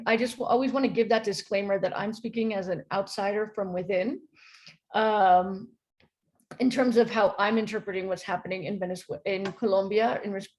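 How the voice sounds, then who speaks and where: Friendly yet halting, a philosophy professor from the United States addresses a conference panel with an American accent, restarting often and saying um a lot. Her voice sits in the mid range and sounds a little mellow.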